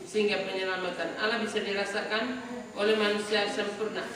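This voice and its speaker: A woman's voice: mid-range voice, steady tone, background noise. Woman teaching from far off in an echoey room. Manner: explains slowly with repeated "ya" asides, drawn-out words. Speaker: religion teacher. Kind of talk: classroom lecture.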